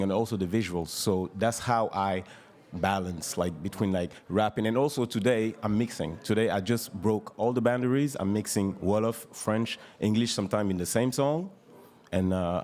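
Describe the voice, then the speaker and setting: A man from Senegal speaks as a guest on a live radio show, talking casually about his music. His voice sits a bit low and he pauses often, filling gaps and restarting his sentences. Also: darkish tone. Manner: halting, many fillers and restarts. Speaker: rapper guest. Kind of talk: casual interview talk. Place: live radio session at an event.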